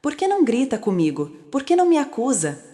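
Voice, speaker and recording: A woman's voice: high voice, sing-song, brisk, mellow, voice pushed up. A woman voicing a fearful, guilt-ridden elderly aunt, asking shaky, pleading questions. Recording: long reverb.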